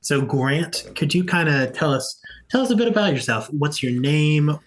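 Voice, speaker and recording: A man's voice: fairly high pitch, lively intonation, normal speed. A man hosting as game master of a tabletop session, with casual, playfully teasing banter.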